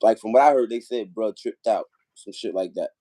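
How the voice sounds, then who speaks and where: A man hosting a podcast interview, asking halting questions full of fillers. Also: fairly low pitch, warm tone. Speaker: podcast host.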